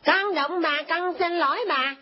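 An actress playing a sharp-tongued little village boy who talks back. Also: extremely high pitch, a little slow. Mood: cheeky. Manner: talks back, smart-alecky. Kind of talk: comedy skit acting. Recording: dull lo-fi recording.

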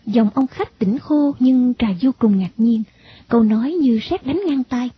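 A woman narrating a story in an even, expressive reading. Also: a little high, measured pace, slightly rough. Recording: dull lo-fi recording.

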